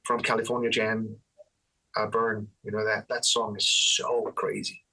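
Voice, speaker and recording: A Danish-accented man talks loosely through an interview, restarting his sentences as he goes. His voice is bright and a little husky. He sits slightly back from the mic. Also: fairly low pitch, measured pace, recorded from a distance, poor audio. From Denmark. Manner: relaxed, rambling, frequent restarts and fillers. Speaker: guitarist guest. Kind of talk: casual interview chat.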